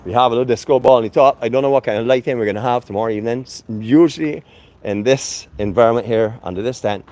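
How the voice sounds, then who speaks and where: A man's voice: medium pitch, fast, a little mellow. A man casually narrating a walk-through of a venue for his vlog, chatty and friendly, with frequent fillers, recorded on a handheld camera. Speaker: vlogger. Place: venue under a tent, indoors and outdoors.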